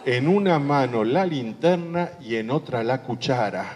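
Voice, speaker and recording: A man's voice: mid-range voice, expressive, unhurried, noisy background. A priest tells a humorous anecdote during a sermon, adding playful asides to his listeners. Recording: long hall reverb.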